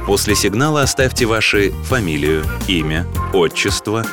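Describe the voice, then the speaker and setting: A man reading a company's answering machine message in a measured, formal and polite way. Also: fairly low pitch, expressive. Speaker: announcer for a company phone line. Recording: studio voice with music playing under it. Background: music.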